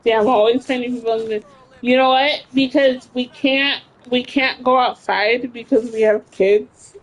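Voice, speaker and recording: A woman's voice: on the high side, fairly even intonation, normal speed, poor audio. A woman in her late thirties, a game streamer chatting casually with her live chat, blunt and laughing often, with plenty of swearing. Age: 30s.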